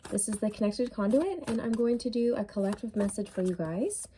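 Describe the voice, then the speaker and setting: A woman with a fairly high, animated, mellow voice does a casual tarot reading, musing aloud at an unhurried pace with plenty of fillers and mentioning that she's losing her voice. There's a little hiss or hum on the audio.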